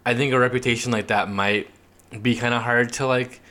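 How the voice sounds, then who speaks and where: A young man co-hosting a podcast, in the middle of his range for a man. He chats in an animated, chatty way, laughs easily and leans on "like." The talk is loose and casual. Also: mid-range voice, a little fast. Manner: animated, laughs often, many "like" fillers. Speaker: podcast co-host. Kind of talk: casual chat.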